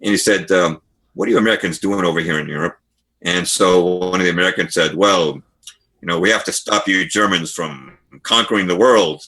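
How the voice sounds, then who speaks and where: A man speaks as a guest author in a podcast interview, his voice low and husky. He explains history as a string of stories and stops to read passages from books. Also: brisk, pushed and bright. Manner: storytelling, reads passages aloud from books.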